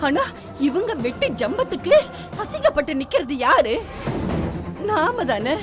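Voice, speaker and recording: A woman's voice: very high-pitched, big pitch swings, measured pace, full character voice. Indignant middle-aged mother. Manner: complaining, lamenting, scolding. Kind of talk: TV serial acting. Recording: with loud background music.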